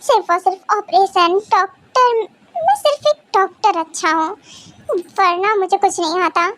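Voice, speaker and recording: A woman's voice: very high voice, a little slow, a bit bright. Woman voicing a whiny young surgeon husband. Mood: fretful. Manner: whiny, complaining, self-pitying. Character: exasperated young male surgeon husband, sulky. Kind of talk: hobby audio drama.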